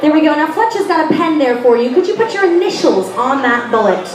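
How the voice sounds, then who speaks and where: A woman's voice: sits high, big pitch swings, fairly quick, background noise. A woman performing as a stage magician with theatrical live patter to an audience. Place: large live stage venue. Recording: echoey stage, distant mic, music behind.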